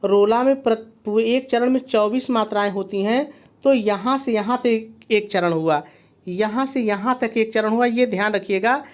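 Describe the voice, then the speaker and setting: A man's voice: high voice, unhurried. A man teaching a poetry lesson, counting syllables aloud methodically and guiding students with frequent prompts to look and check. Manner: guides with frequent "see" and "okay" prompts. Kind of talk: online grammar lesson.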